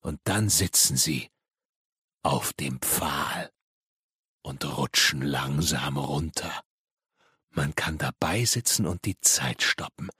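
Guy doing a raving junkie, croaky, cracks up high, sinister and manic. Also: slow pace, long pauses, bright, forceful tone, no room sound, clean studio sound, full character voice. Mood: eerie muttering.

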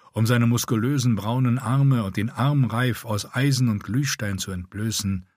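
Husky guy narrating an audiobook, steady and measured, dry close mic. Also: medium pitch, dry recording. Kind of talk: scripted narration.

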